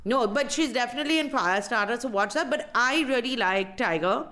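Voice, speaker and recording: Blunt Indian woman, slightly high voice. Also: animated, a little fast, bright, forceful tone. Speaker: podcast co-host. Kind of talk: casual opinionated chat.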